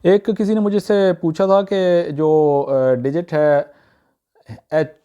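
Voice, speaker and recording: A man giving a casual spoken pronunciation lesson, working through words one by one, saying each one twice, with frequent "uh" pauses. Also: on the high side, little pitch movement, warm tone, smooth. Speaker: channel host teaching English pronunciation. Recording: dull, muffled lo-fi sound.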